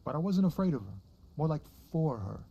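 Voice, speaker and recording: An actor playing a weary, tender truck driver in a video game, speaking in a reflective, sincere and halting way. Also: male voice, a little high, sing-song, creaky, warm tone, exaggerated voice. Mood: protective, sad. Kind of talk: dramatic video game dialogue.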